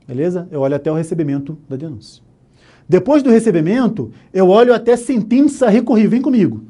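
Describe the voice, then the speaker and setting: A man with a Brazilian Portuguese accent teaches an exam-prep law lesson, taking each answer option in turn. His voice is dark and mellow. He keeps checking in with quick "né?" and "tá?" tags as he explains. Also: high-pitched, lively intonation. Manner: explains step by step, often asking "né?", "ok?", "tá?". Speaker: law instructor. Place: online course studio.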